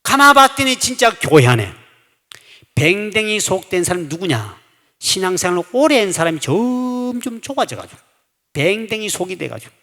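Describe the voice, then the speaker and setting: A middle-aged male pastor preaching a revival sermon, folksy and humorous, telling anecdotes and bursting into shouts for emphasis. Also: fairly high pitch. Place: church sanctuary. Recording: echoey church hall.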